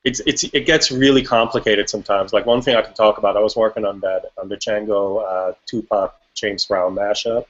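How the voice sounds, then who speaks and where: Low-voiced man, rambling and relaxed. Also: fairly quick, few pauses. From Switzerland. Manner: relaxed, rambling, frequent restarts and fillers. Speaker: guest music producer. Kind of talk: casual podcast interview. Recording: dull lo-fi audio.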